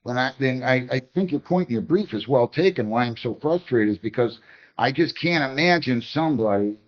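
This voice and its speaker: A man's voice: medium pitch, expressive, a little fast, dull audio. A man presiding as a judge in a courtroom hearing, stern and exasperated as he lectures counsel.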